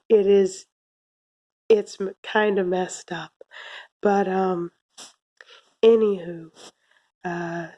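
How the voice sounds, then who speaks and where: Soft-spoken, slightly cracky young woman, slow and even. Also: mid-range voice. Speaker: video reviewer. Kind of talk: casual anime review to camera. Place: small room indoors. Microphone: phone or webcam at arm's length.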